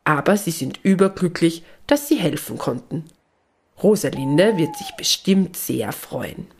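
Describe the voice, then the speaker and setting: A woman narrating a children's Christmas story in a calm, gentle way. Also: fairly low pitch, a little hiss or hum.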